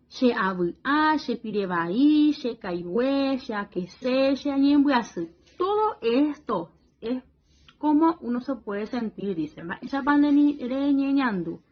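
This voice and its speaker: A woman teacher from the Paraguay region leads a worksheet lesson for young children, slow and patient, repeating praise and checking in with "¿sí?". Her voice is high-pitched and the recording is lo-fi.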